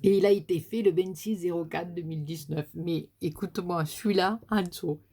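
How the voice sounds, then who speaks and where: A woman's voice: fairly low pitch, steady tone, normal speed, mellow, slightly rough. A woman with a Marseille accent chatting casually as she opens a parcel on her vlog, gushing and swearing with delight. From Marseille, France. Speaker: crafting YouTuber.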